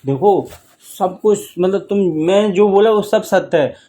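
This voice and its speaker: A man vlogger playing a husband in comic couple banter, teasing his wife in a mock-wistful way and pleading for her to talk more quietly. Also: sits high, a little slow.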